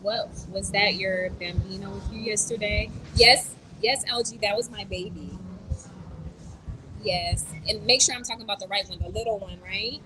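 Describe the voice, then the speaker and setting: A young American woman chats casually on a phone live stream, reading and answering her chat as a vlogger. She's blunt and outspoken, mimics others in quotes and swears, with a medium-pitched, steady voice at a moderate pace. Passing vehicles make the recording noisy.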